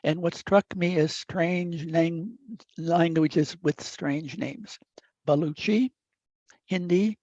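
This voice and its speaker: This guest speaker is an older man in his 80s, a native Italian who grew up in the upper Midwest of the United States. Reflective and deliberate, he leans on frequent uh fillers, his slightly high voice a little mellow. The dull, dry recording has no room sound.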